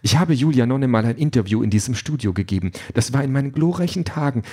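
A man's voice: mid-range voice, expressive, fast talker, dark tone, husky, pitched above the performer's own voice. A man voicing a pompous, vain female robot poet who speaks in a haughty, lecturing way.

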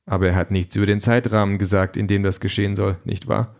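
A man voicing a dry, unflappable junk shop owner in a deadpan way. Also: fairly low pitch, quick pace, gravelly. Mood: calm.

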